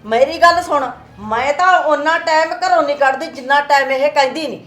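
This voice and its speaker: A woman playing a tender, anxious older mother-in-law who pleads in a soft, tearful voice. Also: sits high, brisk. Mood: coaxing. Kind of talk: family drama acting.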